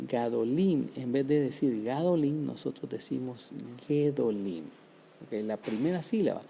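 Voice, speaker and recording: A man with a dark, gravelly voice teaches a Hebrew grammar lesson. He explains each rule patiently, slows down to sound out words syllable by syllable, and keeps checking in with his listeners. A faint hiss runs behind the recording. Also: mid-range voice. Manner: explains step by step, often checks with "¿verdad?" and "¿ok?".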